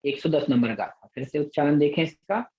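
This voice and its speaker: A male scripture teacher leading a pronunciation class, reciting each word of a verse slowly and twice, with brisk instructions in between. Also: fairly high pitch, warm tone, lo-fi sound. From Madhya Pradesh, India. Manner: brisk spoken instructions between the chanted words.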